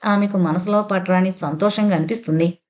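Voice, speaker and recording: A woman narrating a novel in a steady storytelling voice. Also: fairly low pitch, fairly quick.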